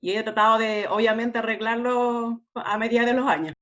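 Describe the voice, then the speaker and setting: A woman's voice: a little high, fairly even intonation, normal speed, a bit bright. Chilean woman student, muffled video call. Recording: dull online-class audio.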